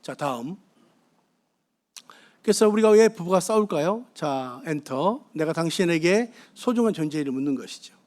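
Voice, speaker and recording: Middle-aged male preacher with a high, lively voice, talking with and questioning a congregation. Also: moderate pace. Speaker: guest pastor. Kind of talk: sermon on marriage. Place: church sanctuary.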